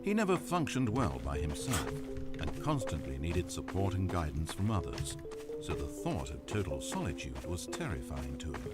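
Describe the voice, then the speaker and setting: An actor voicing a dry, wry, all-knowing narrator in a video game, measured and sardonic. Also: male voice, low-pitched, huge pitch swings, loud music behind the voice. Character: dry, wry omniscient male storybook narrator. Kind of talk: scripted narration.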